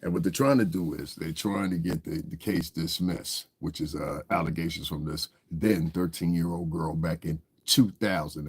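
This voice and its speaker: Stuffed up with a cold, this man rambles casually on a livestream, addressing his viewers directly and repeatedly checking with "you understand". His voice rumbles low, gravelly and slightly rough.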